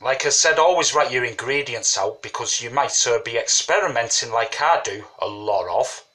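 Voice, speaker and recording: A man with a medium-pitched, pushed and bright voice gives a casual tutorial on a home brewing recipe from his kitchen table. He has a cold and sniffles a bit, speaks at a moderate pace in an animated way, and drifts chattily, throwing in "you know what I mean."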